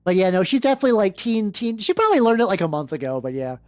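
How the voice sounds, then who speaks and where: A woman streamer hosts a reading of fan fiction, performing it theatrically in an expressive, rapid-fire, medium-pitched voice with a darkish tone. She keeps interrupting herself with wry, joking asides. Background music plays behind her close, dry voice with no room sound.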